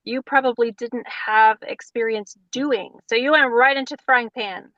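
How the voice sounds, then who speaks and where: A woman's voice: fairly high pitch, unhurried, fairly bright tone, no room sound, highs cut off. A woman interviewer asking friendly, encouraging questions.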